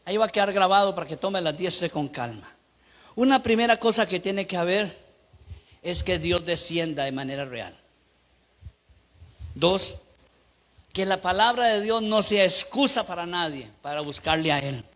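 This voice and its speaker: Middle-aged male pastor, Costa Rican accent, very high-pitched voice, emphatic sermon delivery. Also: moderate pace, pauses often. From Costa Rica. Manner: emphatic preaching with lively anecdotes.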